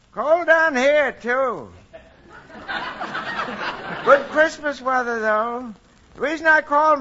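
An actor playing a mild, chuckling old Santa Claus in a 1940s radio comedy, recorded on a dull old broadcast with faint hiss. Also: male voice, mid-range voice, a bit bright. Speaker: comedy guest star.

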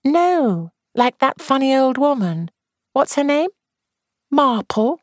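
A woman's voice: high-pitched, sing-song, takes it slowly, no echo, clean studio sound, voice pushed up, full character voice. A woman reading aloud and voicing a young actress who sounds anxious, dramatic and confiding. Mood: worried.

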